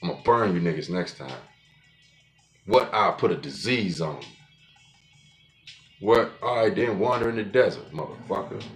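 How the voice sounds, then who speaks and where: With faint music in the background, a podcast host in his forties talks alone in a low, animated voice at normal speed, leaving long pauses. He rambles bluntly and profanely, often starting his sentences over.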